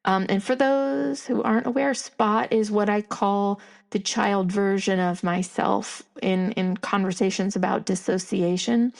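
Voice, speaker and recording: A woman's voice: medium pitch, fairly even intonation, a little slow, creaky, darkish tone. A woman in her fifties hosting a podcast, talking candidly in a reflective, rambling monologue full of restarts. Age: 50s. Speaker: podcast host.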